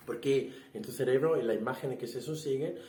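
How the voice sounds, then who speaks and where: A man's voice: mid-range voice, fairly quick, warm tone. A man giving a casual spoken language lesson, explaining with fillers, restarts and rhetorical questions. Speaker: language teacher. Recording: roomy echo, somewhat far from the mic.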